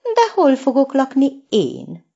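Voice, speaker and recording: An eager, self-assured tomcat with a raised, lively voice, as a woman reader puts him on. He teases and brags in a bouncy storybook manner. The recording sounds slightly dull. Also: high-pitched, gravelly, pitched above the performer's own voice, heavily acted. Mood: teasing. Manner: eager, teasing. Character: cheerful confident male cat singer.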